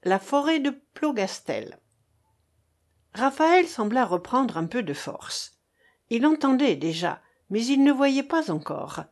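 Slow, expressive woman narrator. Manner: slow, dramatic reading with lively pitch. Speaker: audiobook reader. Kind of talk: scripted narration.

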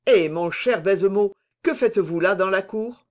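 A man's voice: high-pitched, normal speed, close to an everyday voice. A man reading aloud and voicing a bold, blustering musketeer captain who talks heartily and teases. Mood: hearty. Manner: hearty, teasing, exclaiming. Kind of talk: audiobook reading.

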